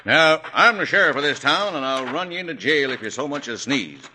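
A man playing a stern, commanding Western sheriff with gruff, folksy talk in an old-style drama. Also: on the high side, expressive, fairly quick, pushed and bright, slight background noise. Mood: gruff, steady. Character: stern Old West sheriff threatening a hanging.

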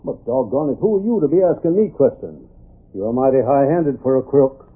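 An actor playing a blunt, gruff frontier sheriff past his prime with an American Western drawl, in an old radio drama. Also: medium pitch, big pitch swings, a little fast. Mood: indignant, dismissive. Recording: muffled, tinny old radio broadcast.

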